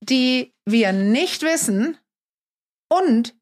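A woman's voice: sits high, lively intonation, drawn-out words. A woman co-hosting a podcast, explaining relationships and the unconscious in an earnest, emphatic way with frequent fillers. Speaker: podcast co-host, relationship expert.

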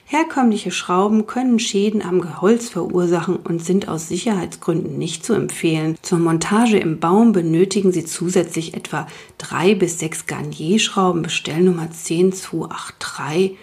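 A woman's voice: fairly low pitch, moderate pace, few pauses, darkish tone, lightly acted. A woman reading the part of an impatient, grumbling father building a treehouse. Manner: grumbling, turns conspiratorial and muttering.

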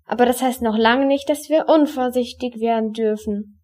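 A woman's voice: a little high, moderate pace, warm tone, lightly acted. A woman reading aloud from a children's book and voicing a determined but scared girl who hisses urgent warnings, close to her own voice. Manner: hissing, urgent.

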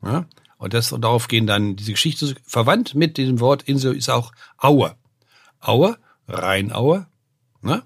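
A man's voice: mid-range voice, unhurried, creaky, husky, no echo, studio quality. An older man, a name researcher and professor, explaining word origins in a podcast, with many "ne?" tags and filler sounds. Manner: lecturing, often adds "ne?" and "äh", lively rises.

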